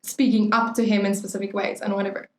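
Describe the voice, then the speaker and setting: A young woman co-hosts a podcast in loose, playful chat, filling her sentences with "like". Her voice sits at a middle pitch. The room adds a noticeable echo. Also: flat delivery, quick pace. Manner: rambling, playful, heavy on "like". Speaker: podcast co-host. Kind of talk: casual chat. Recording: roomy echo.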